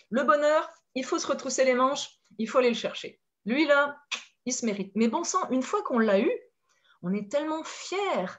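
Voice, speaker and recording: Woman coach, French accent, expressive and upbeat, slightly high voice. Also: muffled recording. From France. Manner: lively, expressive, laughs often. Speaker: life coach. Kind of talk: conversational talk with metaphors.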